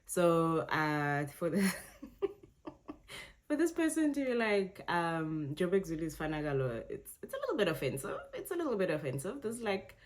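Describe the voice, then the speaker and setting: Brief: young South African woman vlogger, South African accent, low voice, chatty reaction talk. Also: very animated, normal speed. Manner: chatty, self-correcting, laughs often. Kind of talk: casual reaction commentary.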